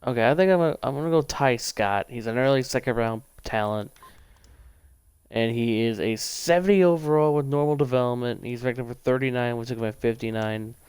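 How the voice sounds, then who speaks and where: Young male livestreamer, offhand thinking-aloud chatter, crisp clean voice in a dead-dry room. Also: medium pitch, a little mellow, no room sound. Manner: rambling, thinks aloud, quick bursts. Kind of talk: casual gaming commentary.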